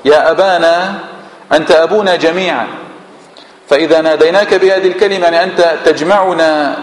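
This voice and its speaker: A man's voice: on the high side, steady tone, a little fast. A man with a Levantine Arabic accent, a sheikh giving a Quran exegesis lesson in a mosque, posing rhetorical questions and answering them himself. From Syria. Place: large mosque hall. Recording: echoey mosque hall with long reverb.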